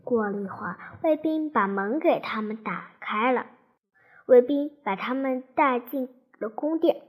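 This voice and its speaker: A woman narrating a children's storybook aloud, slowly and carefully. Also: on the high side, husky, poor audio.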